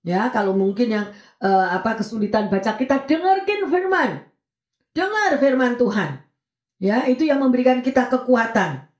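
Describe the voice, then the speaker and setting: A woman pastor giving a sermon in a lively way, often switching her pitch up and down as she acts out voices. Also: moderate pace, reverberant. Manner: lively, swings between high and low pitch, acts out children and prayers.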